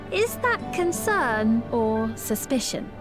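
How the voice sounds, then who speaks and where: Young fantasy game queen, high voice, unhurried, courtly diction, gracious and earnest, music behind. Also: heavily acted. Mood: playful, bright. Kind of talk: scripted fantasy video game acting.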